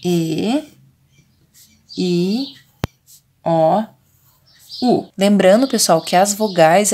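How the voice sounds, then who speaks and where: A woman's voice: mid-range voice, darkish tone, a little hiss or hum. A Brazilian woman teaching a remote lesson to young children, patiently stretching out syllables and vowels and checking in with short fillers. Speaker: preschool teacher.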